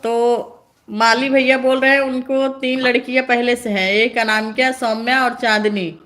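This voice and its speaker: A woman's voice: fairly high pitch, fairly even intonation, measured pace, a bit bright. Playful woman hosting a live stream. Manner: playful teasing, frequent laughter. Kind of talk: casual live-stream chat reading comments.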